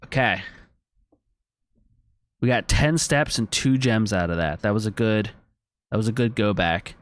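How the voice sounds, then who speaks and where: An unhurried man with a lowish voice streams a video game. His casual let's-play commentary mixes thinking aloud, chatting with viewers and reading on-screen text as he goes.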